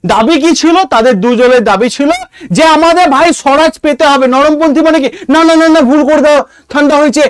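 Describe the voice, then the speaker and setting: A man with an Indian Bengali accent teaches a history class for exam preparation, speaking with lively emphasis, repeating key phrases and questions, and often checking that his students are following. His voice is extremely high-pitched, and there is no echo.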